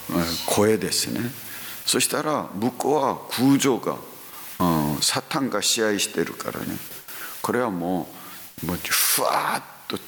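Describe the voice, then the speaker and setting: A man preaching a sermon, talking slowly with frequent hums and sudden rising exclamations. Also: fairly low pitch, pushed and bright. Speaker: pastor. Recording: echoey hall with faint hiss.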